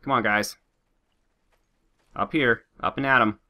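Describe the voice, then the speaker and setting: This let's play host speaks at medium pitch and a little slowly, cracking jokes as he narrates the game. A mild illness shows in his slightly nasal tone and sore throat. He stays lively, chatting with his in-game troops and the audience.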